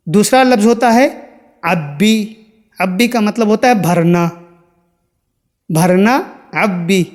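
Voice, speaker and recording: A man giving an Arabic lesson in Hindi, slowly repeating each word and stressing exact pronunciation. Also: high voice, a little mellow, long reverb tail. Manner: slow, repeats each word several times. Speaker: Arabic teacher. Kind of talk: spoken language lesson.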